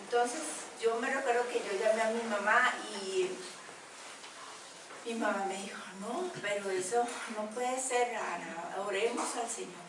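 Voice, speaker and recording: A woman's voice: a little high, unhurried. A woman telling an emotional personal faith story, full of fillers. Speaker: group member sharing testimony. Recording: echoey room, distant mic, background noise.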